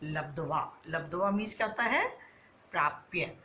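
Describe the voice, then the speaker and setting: A woman's voice: low-pitched, expressive, measured pace, bright, forceful tone, slight background noise. A woman teaching a Sanskrit lesson to schoolchildren, asking questions and answering them herself, stretching out the answers. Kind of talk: online class lesson.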